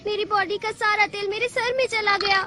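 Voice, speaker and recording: A woman's voice: very high voice, fairly even intonation, normal speed. A woman voicing a fussy, helpful male robot cat in a cartoon dub, patiently explaining gadgets and yelping when flustered. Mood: relieved. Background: cartoon music.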